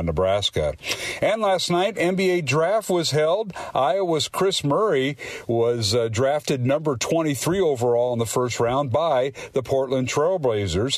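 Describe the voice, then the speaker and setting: A man reading a scripted radio sports update, brisk and matter-of-fact. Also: mid-range voice, no room sound. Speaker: sports reporter.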